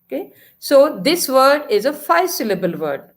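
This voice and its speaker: A woman's voice: sits high, sing-song, moderate pace. A woman with an Indian English accent teaching a grammar lesson, repeating key points and checking that the class follows. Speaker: school teacher. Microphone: recorded lesson video.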